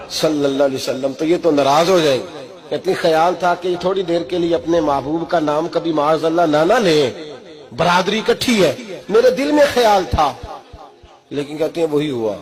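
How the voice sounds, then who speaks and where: A man preaching an emotional sermon, swinging from hushed to loud. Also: fairly high pitch.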